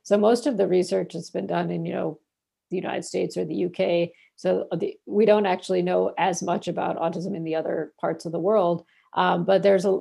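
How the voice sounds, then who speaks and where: A young Bangladeshi researcher answers interview questions, rambling and filling her speech with fillers and restarts. Her voice is lowish and mellow, slightly rough, with vocal fry.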